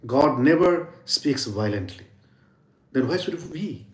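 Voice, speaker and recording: This sound healing and yoga teacher talks slowly and animatedly in a slightly high voice, his words echoing around the room. The informal spiritual teaching is earnest, and he often lowers his voice to near whispers for emphasis.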